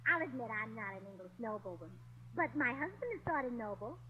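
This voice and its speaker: A woman's voice: fairly high pitch, very animated, fairly quick, bright, forceful tone, slight background noise, low-quality recording. A woman playing a scatterbrained American wife who fakes a posh English manner, with chirpy muddled slang in 1940s radio comedy style. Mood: giddy. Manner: chirpy, muddled fake English with blimey and governor.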